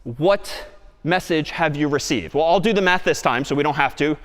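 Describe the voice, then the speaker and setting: Male lecturer with a high voice, upbeat and engaging, recorded in a reverberant lecture hall. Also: moderate pace. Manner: lively, questioning the audience. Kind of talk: university lecture. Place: large lecture hall stage.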